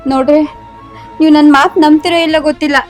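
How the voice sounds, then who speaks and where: A woman's voice: sits high, fairly even intonation, fast talker, a little mellow, soft background music, natural voice. A woman playing a young village daughter-in-law with a North Karnataka accent, pleading politely. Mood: upset accusing. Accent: North Karnataka Kannada. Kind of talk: village comedy-drama acting.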